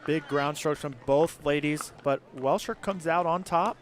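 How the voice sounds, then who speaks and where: A man's voice: on the high side, unhurried, a little hiss or hum. A man giving live play-by-play commentary as a pickleball commentator.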